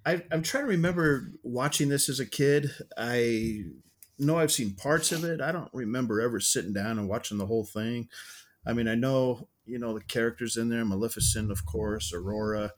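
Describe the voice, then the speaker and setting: A man's voice: mid-range voice, moderate pace. Rambling man reviewing a film. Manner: rambling, searching for words with many restarts. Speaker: podcast co-host reviewing films. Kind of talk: casual film review chat.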